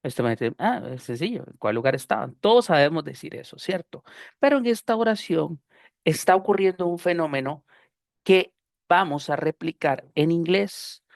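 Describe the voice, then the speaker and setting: A man's voice: fairly high pitch, expressive, moderate pace, vocal fry, dry recording, studio quality. A Spanish-speaking man with a Costa Rican accent, teaching an online English pronunciation class, explaining patiently and often repeating phrases with fillers. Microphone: computer mic on a video call.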